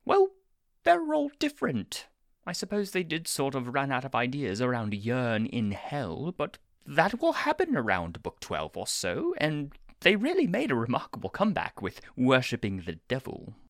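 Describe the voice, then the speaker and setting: A woman's voice: a bass voice, huge pitch swings, moderate pace, no room sound, studio quality, full character voice. A woman voicing a prim, bookish male angel who talks in a flustered, waspish way.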